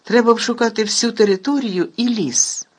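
A man with a husky voice voicing a gruff, angry executioner in a storybook reading. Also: extremely high pitch, moderate pace, voice pushed up. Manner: growling.

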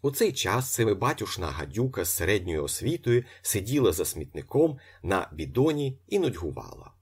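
A man with a husky voice narrating an audiobook expressively. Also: lowish voice, normal speed. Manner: expressive, vivid.

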